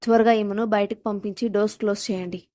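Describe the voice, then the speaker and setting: A woman voicing a stern, protective young husband who speaks in curt, sharp commands. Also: mid-range voice, fairly even intonation, fast, no room sound, clean studio sound, close to an everyday voice.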